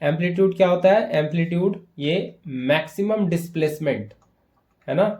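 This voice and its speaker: This physics teacher's voice is a bit high and a little mellow, and he moves at a moderate pace through an exam-prep lesson, one step after another. English terms slip into his Hindi, and frequent "है ना" checks confirm his students are keeping up.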